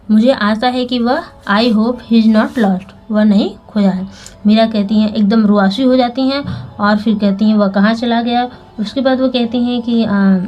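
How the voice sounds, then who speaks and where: A woman teaching English through a children's story, reading each phrase slowly and explaining it word by word. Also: on the high side, warm tone, highs cut off. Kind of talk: slow line-by-line story lesson with translation.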